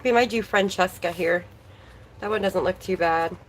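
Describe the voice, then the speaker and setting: A woman's voice: lowish voice, moderate pace, a little hiss or hum, poor audio. Chatty woman, voice slightly worn. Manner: chatty, greets viewers by name as she goes. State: slightly losing her voice. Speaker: livestream host. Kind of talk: casual livestream chat.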